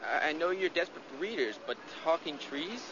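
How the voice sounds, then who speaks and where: An actor playing a sardonic man who talks quickly with dry humor. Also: on the high side, animated, background noise, natural voice. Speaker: radio DJ and doctor characters. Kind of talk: TV drama dialogue. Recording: dull TV audio with music.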